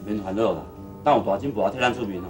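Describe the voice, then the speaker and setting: An actor playing a fussy, fretful father, talking in a quick, worried way. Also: fairly low pitch, over music, close to an everyday voice. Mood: fussing. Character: fretful father of the missing boy.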